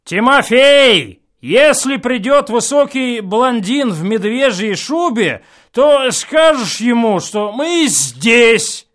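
A man voicing a rowdy, tipsy male hotel reveler who shouts loudly at a party, in an audiobook reading. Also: high voice, big pitch swings, slow, pitched above the performer's own voice, full character voice. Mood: boisterous. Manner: loud and boisterous.

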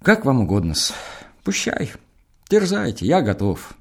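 A man's voice: medium pitch, huge pitch swings, a little slow, vocal fry, slightly rough, full character voice. A man voicing a sulky young man who answers back with grudging, servile defiance. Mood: defiant. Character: sullen, defiant young man, resigned martyr.

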